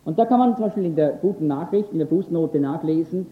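A man teaching a lecture on scripture, earnest and emphatic, pausing now and then with fillers. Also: on the high side, lively intonation. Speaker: Bible teacher. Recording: echoey, phone-like lo-fi recording.

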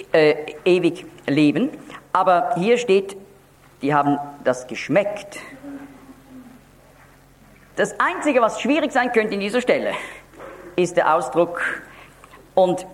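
A man preaching a Bible teaching, explaining step by step and stressing key words, sometimes restarting and repeating words. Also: high voice.

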